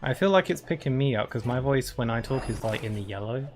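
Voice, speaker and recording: A man's voice: medium pitch, expressive, quick pace, soft background music. A man casually chatting on a live stream as he plays a game, reacting aloud to what happens on screen. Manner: reacts aloud to gameplay with exclamations.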